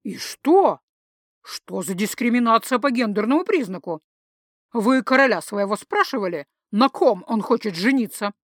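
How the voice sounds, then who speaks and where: A woman's voice: on the high side, animated, normal speed, no room sound, studio quality. A woman voicing a cheeky, pushy young male student who wheedles and persuades.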